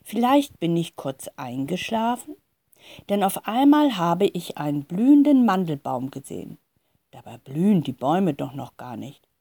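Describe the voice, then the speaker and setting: A woman lends her voice to an earnest teenage boy in a storybook reading, telling something strange with hesitant wonder. The voice sits low and mellow and moves freely in pitch. It is close and dry, with no room around it. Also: sing-song, moderate pace, gravelly, no room sound, full character voice. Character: earnest fourteen-year-old boy, shy and wondering.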